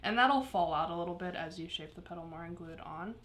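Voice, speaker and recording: Easygoing woman teaching a craft, lowish voice. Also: fast, a bit bright, slight background noise. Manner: easygoing, explains step by step with small laughs. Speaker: craft instructor. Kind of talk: live craft tutorial chat.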